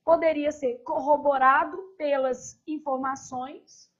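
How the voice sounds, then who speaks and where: A woman's voice: sits high, steady tone, slow, muffled recording. A woman teacher going through exam questions step by step, often checking in with short tag questions. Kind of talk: recorded exam review lesson.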